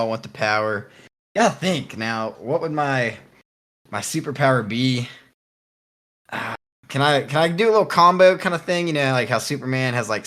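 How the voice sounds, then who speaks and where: A man's voice: medium pitch, fairly bright tone. A man co-hosting a casual podcast, rambling and joking with a cocky edge. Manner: cocky, rambling, laughs often. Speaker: podcast co-host.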